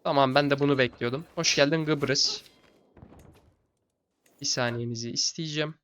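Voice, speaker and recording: A young man giving casual, low-key commentary on a strategy game late at night, sounding tired and chatting to the game's characters like buddies. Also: fairly even intonation, moderate pace, a bit bright, clean tone. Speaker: gaming channel host.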